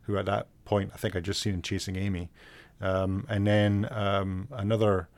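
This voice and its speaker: A Scottish man talking loosely in a casual podcast chat, wandering through his thoughts with plenty of ums and false starts. His voice sits low and has a gravelly, creaky edge. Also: little pitch movement, moderate pace, a little mellow. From Scotland. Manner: rambling, hesitant, many fillers and restarts. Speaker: comic artist and podcast co-host.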